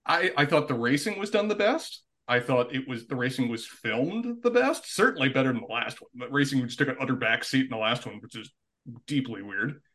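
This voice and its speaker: A man's voice: mid-range voice, animated, brisk, fairly bright tone. A man co-hosting a casual podcast, talking in an analytical way with stumbling restarts. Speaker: podcast co-host.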